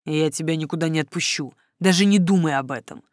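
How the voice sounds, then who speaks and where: A woman's voice: quick pace, no echo, clean studio sound, natural voice. Woman voicing a brooding dragon lord. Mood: angry, stern. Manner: low, hushed and intense. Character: possessive, hot-tempered male dragon lord.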